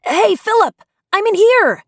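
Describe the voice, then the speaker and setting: A woman voicing a mischievous young schoolboy who worries easily and calls out high and loud. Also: big pitch swings, unhurried, dry recording, studio quality, heavily acted. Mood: shouting.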